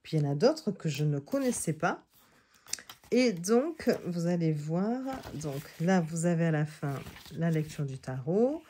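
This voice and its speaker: A woman's voice: sits low, lively intonation, measured pace, mellow, slight background noise. A woman chatting casually as she reviews tarot decks, often hesitating and restarting, and reading card texts aloud. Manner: hesitant, many fillers and restarts. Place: seated indoors on a creaky chair.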